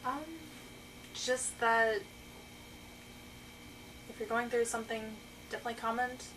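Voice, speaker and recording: A woman co-hosting a faith talk, speaking softly, hesitantly and with care. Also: on the high side, level tone, unhurried, recorded from a distance, a little hiss or hum, poor audio. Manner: soft, caring, hesitant. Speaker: co-host. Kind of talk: heartfelt faith talk to camera.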